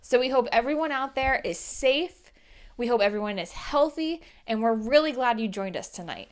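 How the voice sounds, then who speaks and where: Higher-voiced woman co-hosting an event. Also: expressive, normal speed. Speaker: co-host of a film screening livestream.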